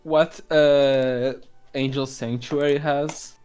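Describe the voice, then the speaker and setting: A player chatting casually, halting and self-mocking. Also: medium pitch, fairly even intonation, darkish tone, soft background music. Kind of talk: casual chat between role-play scenes.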